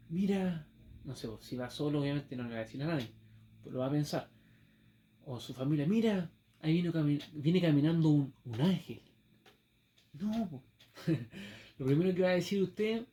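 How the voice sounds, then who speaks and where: A man's voice: a little high, warm tone, slight background noise. A man with a Chilean accent preaching a sermon, telling a story with acted exclamations and rhetorical questions.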